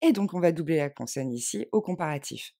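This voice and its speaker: Gravelly-voiced woman teaching grammar. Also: sits low, lively intonation, warm tone. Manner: clear, patient, spells out letters slowly. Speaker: English teacher. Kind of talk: French grammar lesson.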